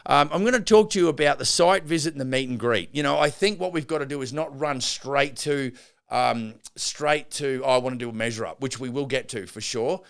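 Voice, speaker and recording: In this unscripted business podcast monologue, the host, a middle-aged man who works as a builder, talks off the cuff, restarting and using fillers as he rambles. He speaks fairly quickly at a medium pitch, his gravelly voice fairly bright and cleanly recorded.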